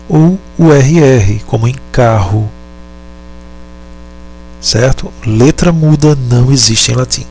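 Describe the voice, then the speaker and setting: Slow, deliberate male teacher. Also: mid-range voice, slight background noise. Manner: deliberate, halting, repeats and self-corrects. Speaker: Latin teacher. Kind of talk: slow explanatory lesson.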